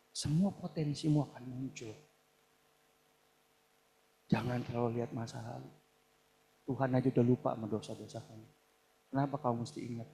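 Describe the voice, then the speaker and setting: A male pastor preaching a live church sermon, acting out quoted people and swinging between soft asides and loud, emphatic peaks. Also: mid-range voice, slight background noise. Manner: acts out quoted people in shouted or pleading voices. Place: church hall, live service.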